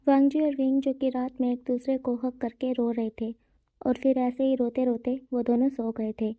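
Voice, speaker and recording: A woman's voice: high voice, level tone, normal speed, no room sound. A woman retelling a fan-fiction story in a plain, conversational way, correcting herself as she goes. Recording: tinny phone-like dry sound.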